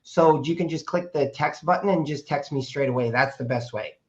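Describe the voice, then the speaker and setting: A raspy-voiced guest in his fifties from Portland, Oregon, USA, hoarse after a weekend of speaking, tells his story in a rambling, casual way full of fillers and restarts. His voice is a little high and fairly quick, captured in dull lo-fi audio.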